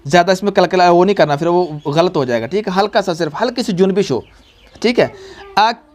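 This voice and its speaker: A man's voice: high voice, expressive, quick pace. A young man teaching a tajweed lesson, patient and repetitive, quizzing his pupils. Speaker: Quran reading teacher.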